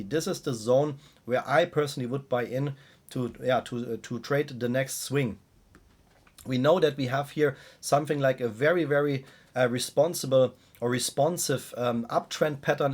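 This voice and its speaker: A man's voice: medium pitch, a little mellow. Man, voice weakened by a cold. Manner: halting, addresses listeners often. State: weak voice from a cold. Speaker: stock trading YouTuber. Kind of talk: casual market analysis commentary.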